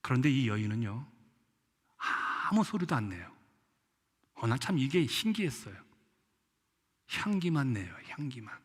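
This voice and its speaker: A man's voice: medium pitch, very animated, moderate pace, long pauses, breathy edge. A man preaching a sermon as pastor, with an impassioned delivery that acts out the people he quotes. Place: church sanctuary. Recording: echoey church hall.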